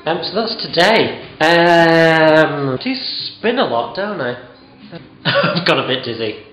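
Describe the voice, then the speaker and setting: Cooking at home late at night, a man in his thirties films himself on a handheld camera held near his face. His fairly high, bright voice is lively in intonation but slow, and his tired chat is rambling, self-mocking and full of ums. Audio is poor and reverberant, with soft background music.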